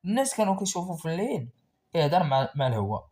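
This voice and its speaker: Fast-paced Moroccan horror storyteller man. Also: a little high, very animated, darkish tone, a little hiss or hum. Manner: dramatic, suspenseful.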